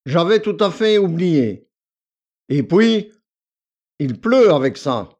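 A man's voice: on the high side, big pitch swings, slow pace, darkish tone, exaggerated voice. A man voicing an arrogant, lazy young male valet who talks in a nasal, drawling, condescending way. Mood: bored, condescending.

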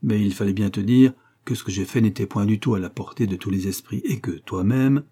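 A man voicing a pompous, doddering elderly gentleman who lectures his friend with boastful, self-satisfied reasoning in a storybook reading. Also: lowish voice, fairly quick, husky.

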